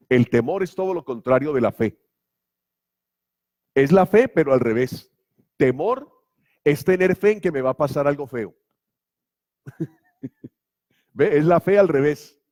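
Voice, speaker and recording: A man's voice: medium pitch, darkish tone. A man preaching a sermon as pastor, emphatic and full of rhetorical questions. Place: church.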